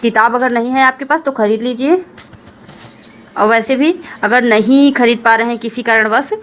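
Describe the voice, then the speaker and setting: A woman teacher explaining Hindi verse to students, reading each line slowly and then explaining it in plain words. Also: a little high, fairly even intonation, a bit bright.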